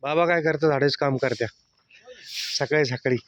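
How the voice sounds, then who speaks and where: A man's voice: a little high, brisk. A man filming a casual family vlog, teasing and coaxing his small child in a playful way. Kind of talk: casual family vlog, talking to camera and toddler. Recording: dull lo-fi phone audio.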